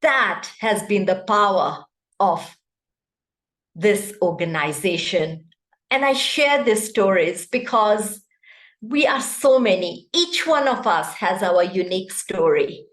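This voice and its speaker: A woman's voice: mid-range voice, lively intonation, takes it slowly, a bit bright. A woman from Kenya, giving a prepared speech over a video call and often putting questions to her audience. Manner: interactive, poses questions to the audience. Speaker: club speaker. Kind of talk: prepared speech at an online meeting. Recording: echoey room.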